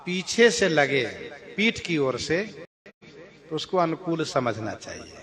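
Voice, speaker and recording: A man preaching on a sacred verse epic, who chants the verses slowly and then explains them in plain with a tinge. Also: a little high, a bit bright. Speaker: Ramayana preacher. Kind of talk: sung verses with spoken explanation.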